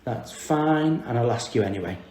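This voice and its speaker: A man's voice: mid-range voice, expressive, moderate pace, mellow. A man with a Merseyside accent hosting a podcast interview, cheeky and jokey, swearing casually. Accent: Merseyside English. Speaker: podcast host. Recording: echoey room.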